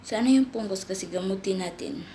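A woman's voice: medium pitch, a little fast, dark tone, a little hiss or hum. A woman making a casual home vlog as a nanny, coaxing a pet cat in sing-song baby talk. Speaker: nanny vlogger. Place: home indoors.

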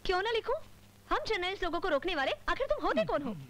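A woman dubbing a defiant young woman who speaks in a shrill, indignant way. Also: animated, quick pace, fairly bright tone. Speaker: journalist. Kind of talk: Hindi film dubbing.

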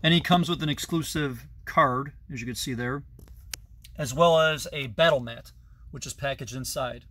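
This man in his thirties speaks at a normal pace in a mid-range voice that is bright and forceful. He's showing off his toy collection in a chatty, detailed way, holding a phone camera at arm's length in an indoor basement packed with toys.

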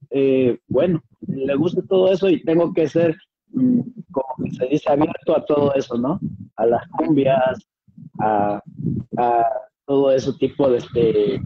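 A man's voice: fairly high pitch, slightly rough. A young man with a Peruvian accent answering interview questions over a webcam from a small room at home, polite and hesitant. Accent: Peruvian Spanish. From Peru. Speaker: guest singer. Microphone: video call, webcam. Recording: dull, dry video-call sound.

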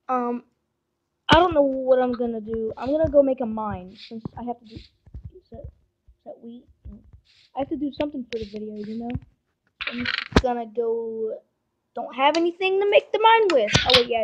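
A woman's voice: fairly high pitch, dull audio, very noisy. A woman giving casual, rambling commentary on her game and coaxing the animals in it, recorded on a phone mic. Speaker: gameplay vlogger.

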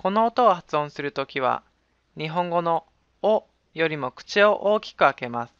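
A woman giving calm, scripted narration for a pronunciation lesson. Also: low-pitched, a little slow, clean tone, dry recording. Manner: calm, instructive. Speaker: pronunciation teacher. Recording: dull, dry studio voice-over.

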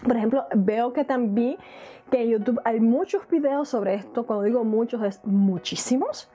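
A woman's voice: fairly high pitch, moderate pace, dark tone, slightly rough. A married woman vlogging casually to her viewers, chatty and full of questions, laughing now and then. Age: adult, married. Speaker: YouTube vlogger. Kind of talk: casual chat to camera.

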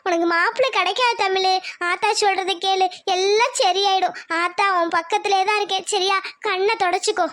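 A woman's voice: very high-pitched, fairly even intonation, brisk, fairly bright tone. A woman voicing a worried village mother in a homemade cartoon, scolding and pleading with her daughter. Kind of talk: cartoon voice acting.

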